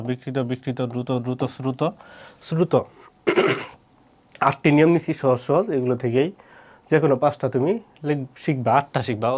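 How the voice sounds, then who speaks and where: A male teacher giving an exam-prep grammar lesson, repeating each example word slowly and putting questions to his students. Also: medium pitch.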